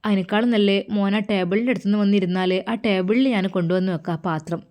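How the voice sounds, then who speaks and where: A caring mother coaxes and gently scolds in a warm, mellow voice, as a woman puts her on. She speaks with a Malappuram Malayalam accent and a steady, insistent manner. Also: medium pitch, fast, lightly acted. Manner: coaxing, fussing, gently scolding.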